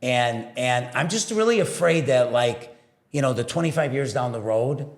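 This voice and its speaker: Animated older man, lively emphatic talk. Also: medium pitch, normal speed. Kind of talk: casual conversation.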